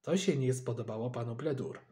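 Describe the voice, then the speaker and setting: A man reading a children's storybook aloud in a lively, expressive way, narrating in a child's first person. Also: mid-range voice, brisk.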